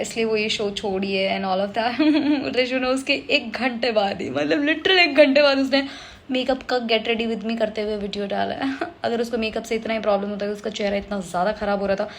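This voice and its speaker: A woman's voice: medium pitch, a little hiss or hum. A woman reviewing a TV episode in casual chat, emotional and dramatic, repeating herself for emphasis and mixing in English phrases. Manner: emotional, switches between Hindi and English mid-sentence. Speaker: show reviewer.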